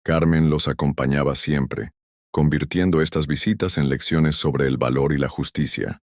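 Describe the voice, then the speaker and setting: A man narrating a sentimental scripted story in a measured, solemn way. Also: extremely low pitch, steady tone, no echo, studio quality.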